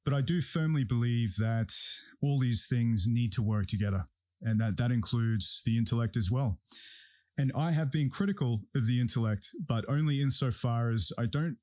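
A man's voice: medium pitch, normal speed, mellow, no echo, clean studio sound. A man hosting a podcast, talking casually in a blunt, opinionated way. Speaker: podcast host and breathwork practitioner. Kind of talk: casual conversational talk.

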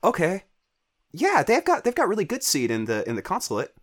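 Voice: medium pitch, wildly swooping pitch, a little fast, fairly bright tone, voice pushed up. A player voicing a shy bird character who rambles and hesitates, full of fillers. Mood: awkward, nervous. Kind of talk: playing a character in a tabletop game.

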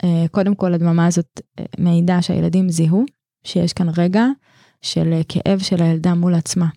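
Low mellow-voiced woman teacher, earnest storyteller. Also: little pitch movement, no echo, clean studio sound. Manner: warm, earnest, thoughtful, with frequent restarts and soft laughs. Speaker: teacher, podcast guest. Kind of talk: reflective storytelling in conversation.

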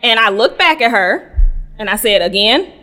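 Bright, lively woman telling a story. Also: a little high, moderate pace, soft background music. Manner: animated, laughing storyteller. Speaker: guest. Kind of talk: casual storytelling.

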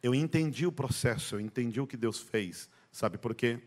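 A middle-aged man preaching a sermon at a church service, emphatic and calling out to the congregation, dropping to a hush and then rising high and loud. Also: normal speed. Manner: emphatic, call-and-response with the congregation; swings from hushed to loud, rising high when retelling a story. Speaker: pastor.

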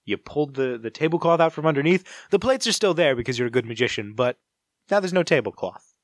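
A man's voice: fairly high pitch, animated, fast, no room sound, clean studio sound. A young man co-hosting a podcast with bantering comic chat and a mock-grandiose, theatrical manner. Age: young adult. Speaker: podcast co-host.

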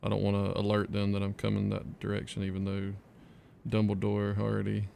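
A man's voice: lowish voice, completely flat delivery, quick pace, vocal fry, darkish tone, smooth. A man playing a tabletop role-playing game, talking casually through what his character does.

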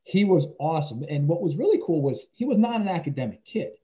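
A man's voice: a little high, sing-song, quick pace. A man who works as a teacher, telling stories in a casual interview, rambling with lots of "you know" and restarts. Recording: dull lo-fi recording.

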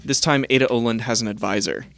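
A man's voice: medium pitch, fast talker, vocal fry, a bit bright. A man acting as game master, narrating casually with hesitant, improvised phrasing.

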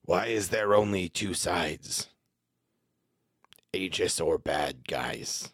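A woman voicing a gruff hero who speaks in broken, blunt phrases with a deep husky voice. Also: animated, slow, no echo, studio quality, full character voice. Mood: grim. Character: gruff odd hero named Quasi, blunt and plain-spoken.

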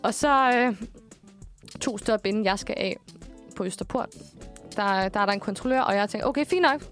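A young woman in her twenties, co-hosting a podcast and telling a story in a casual, animated way with lots of fillers and laughs. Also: medium pitch, faint music behind. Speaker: podcast co-host.

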